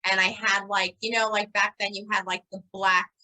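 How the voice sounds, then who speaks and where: Female co-host, 40s, New York accent, bright animated storyteller, laughs easily. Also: medium pitch, normal speed, rough recording. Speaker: podcast co-host. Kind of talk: casual chat.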